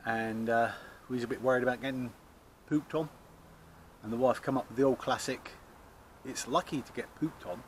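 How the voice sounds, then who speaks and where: A man's voice: medium pitch, steady tone, normal speed, long pauses, slight background noise. A man, chatting casually to a handheld camera at an allotment garden, joking about himself. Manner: chatty, self-mocking, laughs at himself. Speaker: allotment vlogger. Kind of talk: casual vlog chat. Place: outdoor allotment garden, by a shed. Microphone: handheld camera close to face.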